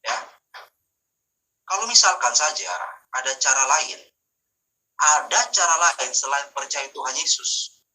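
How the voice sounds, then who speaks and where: A man's voice: mid-range voice, pushed and bright, recorded from a distance, rough recording. A man giving an online Bible teaching as a preacher. He asks his listeners rhetorical questions and keeps calling for amens. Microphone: video call.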